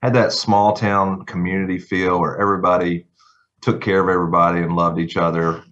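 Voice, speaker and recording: Deep Southern man, middle-aged, folksy storyteller, slightly dull lo-fi sound. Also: flat delivery, a little fast. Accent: Southern American. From Tennessee. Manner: folksy, warm storytelling with laughs. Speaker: guest lawyer. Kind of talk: casual podcast interview.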